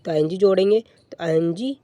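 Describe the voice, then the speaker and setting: A male teacher walks through a grammar lesson, repeating each rule and answering his own questions. His voice is mellow and warm, recorded close and dry with no room sound. He slows almost to dictation speed when reading out example sentences. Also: high-pitched, dry recording.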